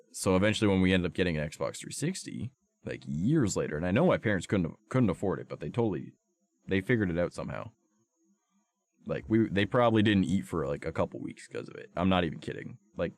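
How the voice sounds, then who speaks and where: A man's voice: low voice, gravelly. A young man streaming, with a sore throat and a cough, rambling through a profane casual story full of fillers. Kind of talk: casual chat to stream viewers.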